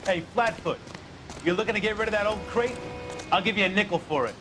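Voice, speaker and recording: An actor playing a mocking 1940s street heckler in a video game, slangy and taunting. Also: male voice, high voice, fairly quick, background noise, close to an everyday voice. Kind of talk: video game bystander banter.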